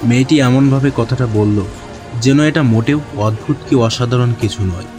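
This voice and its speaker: In a brisk, natural mid-range voice, a man narrates a reflective, literary first-person story as a kindly young doctor fresh out of training, dialogue included. A clear music bed plays behind him.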